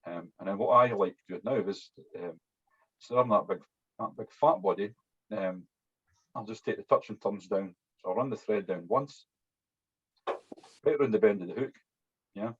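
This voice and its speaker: A man's voice: fairly low pitch, normal speed, long pauses, fairly bright tone, husky. A man with a strong, broad Scottish accent, giving an informal hands-on demonstration as an instructor, chatty and often tagging his sentences with "yeah". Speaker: fly-tying instructor. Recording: dull, muffled lo-fi audio.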